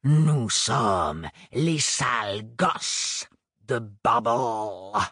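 A man voicing a fiery rebel leader who gives a slow, booming speech in an audiobook. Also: lively intonation, a bit bright, no room sound, clean studio sound, heavily acted. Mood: rousing. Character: fiery male rebel leader, small but thundering. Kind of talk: audiobook reading.

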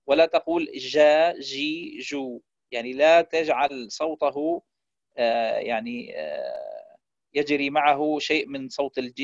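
A man lectures on recitation, pausing with fillers and drawing out letter sounds slowly to demonstrate them. His voice sits at an ordinary middle pitch. The recording is dull and lo-fi, with a close, dry sound and no room echo. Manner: hesitant fillers between points. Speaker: Quran recitation teacher. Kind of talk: lecture on pronunciation.

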